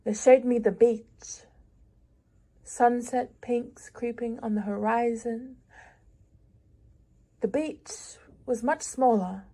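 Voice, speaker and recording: Taking her time with every phrase, a young woman who is a prize-winning writer reads her lyrical writing aloud. Her voice, somewhat high yet dark in tone, stays unhurried, measured and reflective, with long pauses between lines.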